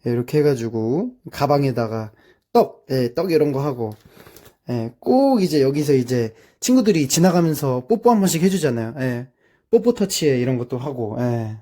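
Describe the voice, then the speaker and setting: Chatty young Korean man, very mellow tone. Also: medium pitch, expressive. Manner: chatty, drawn-out "예" fillers, amused. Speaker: streamer. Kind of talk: casual commentary over childhood photos.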